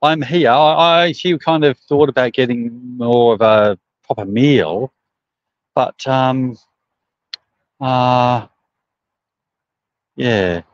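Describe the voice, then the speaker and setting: A man's voice: medium pitch, slow, pauses often. A middle-aged man with a broad Australian accent talks in an ordinary mid-range voice. He rambles and hesitates through a casual, colloquial livestream chat. The phone recording is slightly muffled, with no room echo around the voice. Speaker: truck driver livestreaming. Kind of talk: casual live chat answering viewer comments. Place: outdoors on a service station forecourt. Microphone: phone propped at about arm's length.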